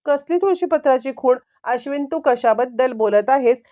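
An evasive young wife with a high voice who pleads and denies everything, as a woman narrator reads her lines. Her pitch rises above the narration in this storybook-style retelling. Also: expressive, moderate pace, warm tone. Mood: pleading.

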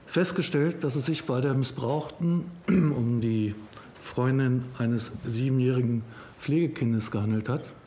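A man's voice: mid-range voice, mellow, a little hiss or hum. A middle-aged man, a police investigator, giving a formal press conference statement with frequent hesitations. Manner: formal, halting with frequent fillers. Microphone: table microphones.

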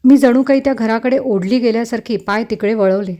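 A woman telling a first-person romance story in an intimate, unhurried scripted narration. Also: a little high, mellow.

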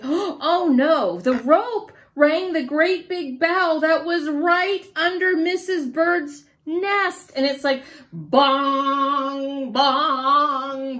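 A woman with a high, bright voice reads a children's picture book aloud. She is animated and sing-song, often pausing to quiz her young listener. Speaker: storyteller for children.

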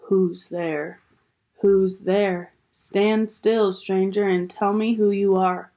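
A woman voicing a menacing male wolf guard in a storybook reading, gruff and commanding. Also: mid-range voice, fairly even intonation, slow, mellow. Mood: challenging.

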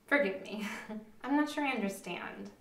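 An actress playing a prim, formally polite young roommate. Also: female voice, medium pitch, moderate pace, background noise, close to an everyday voice. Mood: prim, composed. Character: prim, oddly polite young woman in a cardigan. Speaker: roommate Margaret. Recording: roomy echo.

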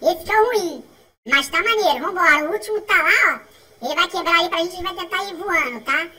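Very high, bright Brazilian woman gamer. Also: brisk, distant mic. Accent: Brazilian Portuguese. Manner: excitable, chatty, repeats phrases, frequent laughs and shouts. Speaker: gaming channel host. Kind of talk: mobile game commentary.

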